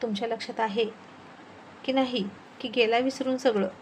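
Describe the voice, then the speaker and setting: A woman voicing a sharp-tongued young wife who scolds her husband about money in a read-aloud story. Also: on the high side, fairly even intonation, normal speed, slight background noise, natural voice. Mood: scolding. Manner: scolding, nagging.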